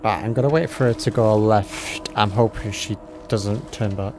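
A man's voice: lowish voice, normal speed. A man casually commentating while playing a horror game, rambling and easily startled. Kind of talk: casual let's-play commentary. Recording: game music loud behind him.

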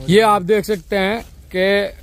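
A young vlogger interviews scout trainees while walking through rural fields and woods, chatting upbeat to viewers and holding his phone camera at arm's length. His voice is high-pitched and flat, and he takes it slowly.

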